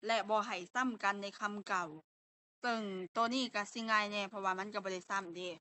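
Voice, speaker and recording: A woman's voice: mid-range voice, steady tone, brisk, pushed and bright. A young woman with a Lao accent, teaching an online language lesson and explaining step by step with patient fillers.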